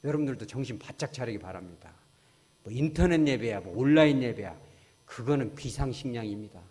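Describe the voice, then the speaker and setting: A man preaching a sermon as a pastor, telling stories and acting out conversations in a lively, conversational way. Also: medium pitch. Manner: storytelling with acted-out dialogue, lively and conversational. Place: church sanctuary. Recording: church hall with long reverb.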